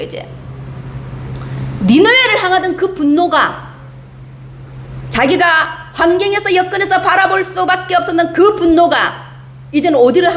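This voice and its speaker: A woman's voice: extremely high pitch, a bit bright, echoey room, a little hiss or hum. A woman pastor preaching a sermon in a church, asking her congregation emphatic rhetorical questions and acting out the complaints of the people she quotes. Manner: acts out the prophet's complaints in quoted speech. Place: church sanctuary.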